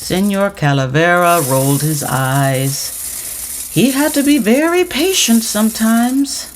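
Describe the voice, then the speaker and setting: A woman narrating a storybook trickster tale with dramatic, deliberate emphasis. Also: mid-range voice, animated, slight background noise.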